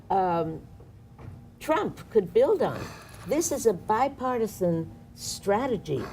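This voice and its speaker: Woman activist, studio panel guest, gravelly and mellow, impassioned and sarcastic, faint hiss. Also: medium pitch. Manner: impassioned, sarcastic political commentary.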